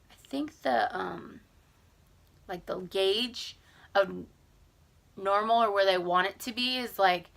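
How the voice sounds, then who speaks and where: A woman's voice: medium pitch, creaky, fairly bright tone. A young woman chatting casually in a vlog, rambling with lots of "like". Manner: chatty, rambling, filler-heavy with many "like"s. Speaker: vlogger. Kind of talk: casual pregnancy update vlog.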